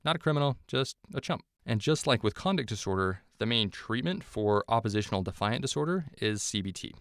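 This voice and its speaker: A man giving a scripted medical lecture, explaining clearly and offering memory hooks. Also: lowish voice, no echo, clean studio sound.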